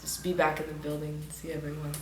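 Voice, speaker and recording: A woman's voice: low voice, monotone, fast talker, darkish tone, reverberant, a little hiss or hum. A teenage girl from West Tennessee, the top student, answering politely in an interview with nervous laughs. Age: teens. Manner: polite, laughs nervously, says yes sir. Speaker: top-ranked graduating student.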